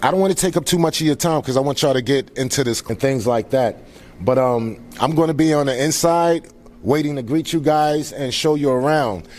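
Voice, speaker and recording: Male event founder, average pitch, casual and sincere live address to guests. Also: fairly quick, darkish tone. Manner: grateful, earnest. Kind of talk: informal live welcome speech to guests.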